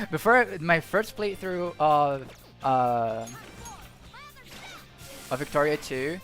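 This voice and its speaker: A young man from Brazil, a native Portuguese speaker with a Brazilian Portuguese accent, gives casual commentary while streaming a game. His voice is a little high with a fairly bright tone, and he speaks extremely slowly, rambling and thinking aloud with frequent restarts. Soft music plays underneath.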